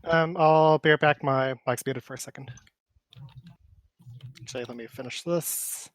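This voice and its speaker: A man's voice: medium pitch, fairly even intonation, normal speed, no room sound. A man chatting during an online game, hesitant and wry. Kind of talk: casual game chat.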